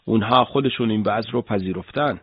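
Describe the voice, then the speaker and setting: A man voicing Hassan, an earnest and steady male villager who fights alongside the storyteller, in a read-aloud audiobook. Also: lowish voice, slightly rough, no room sound. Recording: dull lo-fi audiobook recording.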